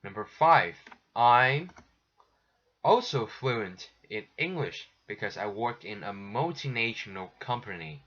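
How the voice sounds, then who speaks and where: Speaking in a lowish, expressive voice with a fairly bright tone, a man teaches English by walking through textbook exercises. He stays patient and slow while restarting often, captured on a dull, lo-fi recording.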